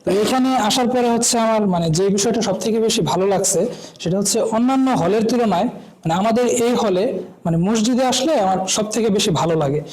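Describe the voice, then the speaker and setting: A man's voice: sits high, fast talker, darkish tone, rough recording. A young man from Bangladesh, a new university student, introducing himself at a student gathering and filling nearly every phrase with "I mean". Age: young adult. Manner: rambling, constant "I mean" fillers.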